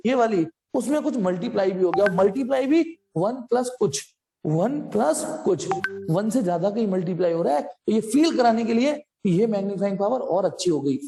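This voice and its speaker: A man's voice: very high-pitched, dark tone. A male physics teacher talks his students through problems in a loose, joking, chatty way, calling them "beta" as he goes. His voice carries a long reverb tail, as if recorded in a large, echoing space. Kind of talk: live online class lecture.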